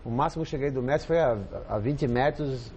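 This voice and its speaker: A man's voice: mid-range voice, fairly quick, a little mellow, highs cut off, slight background noise. A man with a Brazilian accent, a football coach guest chatting casually on a TV panel, rambling and repeating himself with lots of fillers. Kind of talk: casual studio chat.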